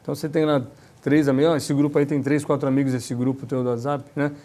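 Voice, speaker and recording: A man talking in a relaxed conversation, animated and acting out dialogue, often ending points with tag questions. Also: mid-range voice, quick pace. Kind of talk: casual conversation.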